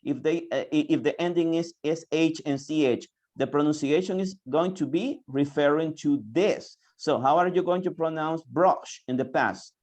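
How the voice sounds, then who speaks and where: Slow, patient teacher. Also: medium pitch, darkish tone. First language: Spanish. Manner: repeats words slowly, coaxing students to answer. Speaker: English teacher. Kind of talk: online class, mixing English and Spanish. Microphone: video call.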